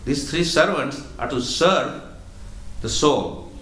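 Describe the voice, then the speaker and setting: A man giving a religious lecture as a spiritual teacher, explaining slowly and patiently, often repeating words as he goes. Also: fairly high pitch, animated, a bit bright, reverberant, low-quality recording.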